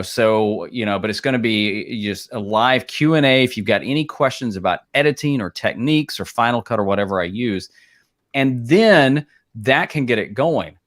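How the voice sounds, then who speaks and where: A man's voice: on the low side, normal speed, a bit bright. A man co-hosting a live streaming advice show, talking casually in a rambling way with many restarts and fillers. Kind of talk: casual chat.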